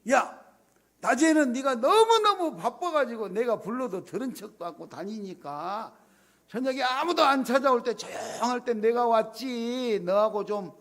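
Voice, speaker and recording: A male pastor voicing God as a fond, gently chiding male figure in the middle of a sermon. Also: very high-pitched, lively intonation, moderate pace, pitched above the performer's own voice, exaggerated voice.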